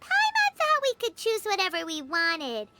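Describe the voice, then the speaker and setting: A woman voicing a tiny, excitable fairy companion who talks about herself in the third person, in a video game. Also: extremely high pitch, moderate pace, heavy background noise, heavily acted. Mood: eager.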